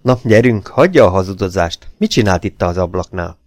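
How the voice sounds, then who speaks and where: A man reading an audiobook, voicing a young nobleman who questions his servant loudly and demands answers. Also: sits low, lively intonation, no echo, clean studio sound. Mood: demanding. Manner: loud, demanding, angry. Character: commanding young male baronet, impatient.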